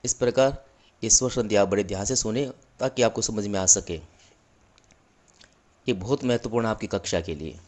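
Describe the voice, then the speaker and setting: A male teacher giving a slow, patient classroom grammar lesson, repeating and spelling out each example. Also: on the low side, darkish tone. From India. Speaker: school teacher.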